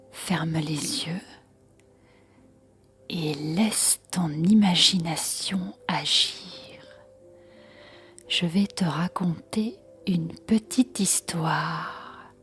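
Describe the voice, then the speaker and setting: A woman telling a story in an intimate ASMR whisper, right in the listener's ear, slowly and with long pauses. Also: low voice, breathy edge. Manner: slow, unhurried delivery with long pauses. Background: music.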